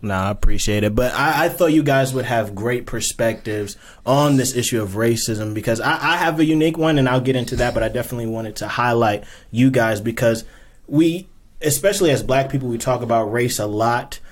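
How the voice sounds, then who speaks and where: A man's voice: mid-range voice, a little fast. A man hosts a casual podcast in a mid-range voice. He speaks earnestly, searching for words and repeating himself as he sets up the talk. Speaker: podcast host.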